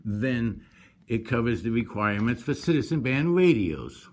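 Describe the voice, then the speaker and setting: A man contesting a code violation argues his own case at a public hearing, combative, insistent and often repeating himself. His medium-pitched, darkish voice has a sing-song quality and a moderate pace.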